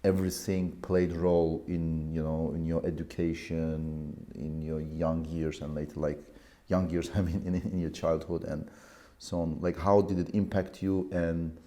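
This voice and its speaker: A man's voice: extremely low pitch, little pitch movement, measured pace, mellow. A man hosting an interview, asking long, rambling questions full of fillers as he searches for words. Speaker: interview host.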